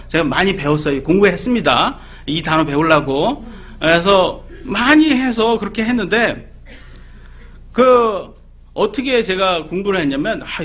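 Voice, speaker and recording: Lively, breathy male preacher. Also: on the high side. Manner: animated, asks the audience questions; acts out quoted people in voices. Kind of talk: sermon.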